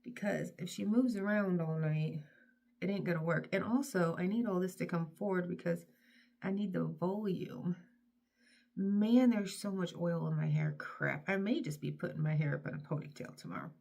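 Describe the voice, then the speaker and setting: A middle-aged woman from North Carolina talks to her viewers while she styles her hair. Her voice sits low with a gravelly, fried edge. She is chatty and self-deprecating, often dropping into soft mutters. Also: normal speed. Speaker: vlogger. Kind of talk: casual chat while styling her hair.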